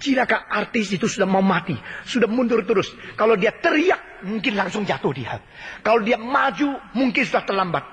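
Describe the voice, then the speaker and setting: A man preaching a dramatic sermon, his voice swinging between soaring high cries and low murmurs as he acts out the people he quotes. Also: expressive, moderate pace, fairly bright tone. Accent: Indonesian. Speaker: pastor. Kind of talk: expository sermon. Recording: long hall reverb, sermon recording.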